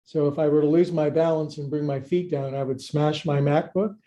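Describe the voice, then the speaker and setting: A man's voice: on the high side, steady tone, brisk, mellow. A middle-aged man leading a live-streamed yoga class, giving short clipped commands and counts mixed with playful, folksy joking asides. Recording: echoey room sound.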